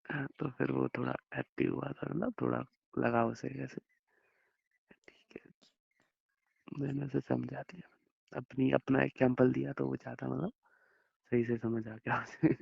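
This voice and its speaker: Gravelly-voiced young man on a phone call. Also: mid-range voice, level tone, unhurried, long pauses, dry recording. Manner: affectionate, reassuring, rambling explanations. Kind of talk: intimate phone conversation. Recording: muffled phone call recording.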